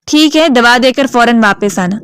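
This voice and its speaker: Woman narrator as a stern, caring ex-soldier father, storybook reading, smooth and dry. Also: fairly high pitch, fairly bright tone, no echo, natural voice. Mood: protective. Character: protective father, former soldier, older man.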